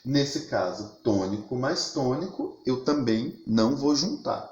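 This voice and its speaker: Teacher explaining step by step. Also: male voice, mid-range voice, animated, unhurried, darkish tone, reverberant. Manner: explains step by step, repeats and restarts phrases. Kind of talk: recorded video lesson.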